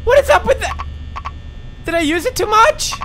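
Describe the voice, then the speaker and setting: Wildly animated, sweary man gamer. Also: very high voice, normal speed, background noise. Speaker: video game player. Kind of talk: sweary game reaction commentary.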